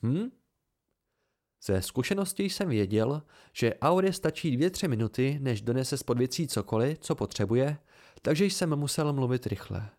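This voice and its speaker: A man narrating an amateur audiobook in a steady first-person storytelling manner. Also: mid-range voice.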